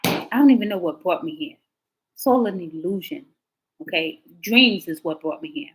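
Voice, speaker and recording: Speaking at a normal speed, a woman streaming tarot readings chats loosely with her viewers, rambling through anecdotes as her pitch spikes with excitement. It's a rough recording.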